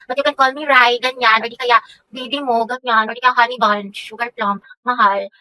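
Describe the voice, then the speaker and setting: A woman acting in comedy skits, loud, playful and dramatic. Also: on the high side, fairly even intonation, normal speed, no room sound, low-quality recording. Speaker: comedy skit performer.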